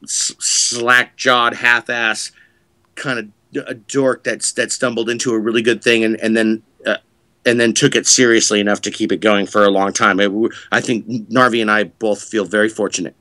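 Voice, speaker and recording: A man's voice: on the low side, little pitch movement, normal speed, sharp tone, no room sound. A middle-aged man, a podcast guest, chatting in a rambling, self-mocking, wisecracking way. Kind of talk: joking podcast chat.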